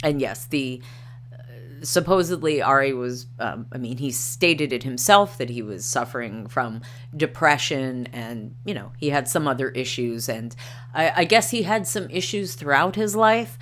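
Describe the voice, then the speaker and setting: On this livestream, a non-native Norwegian speaker with an extremely low-pitched voice chats casually and reads articles aloud, quoting passages and hesitating with frequent ums and uhs. She is animated and talks at a normal speed. A little hiss or hum sits under the recording.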